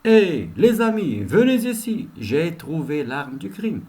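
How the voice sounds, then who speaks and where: Man acting as an excited detective, high raised voice, loud calling, slow emphatic delivery.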